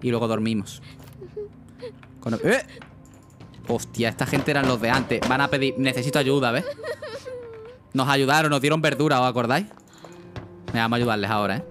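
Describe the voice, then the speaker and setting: A young man chats through a gaming livestream in a loose, casual way. He swears freely and keeps turning to his viewers for advice. Soft music plays faintly underneath. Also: medium pitch, brisk, pauses often. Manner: casual, chatty, asks chat often, swears. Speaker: streamer.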